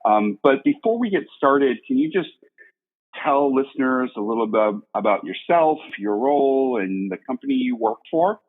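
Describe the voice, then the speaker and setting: A man hosting a podcast interview, friendly and quick to laugh, on a casual call. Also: medium pitch, big pitch swings. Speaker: podcast host. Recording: tinny phone-like line.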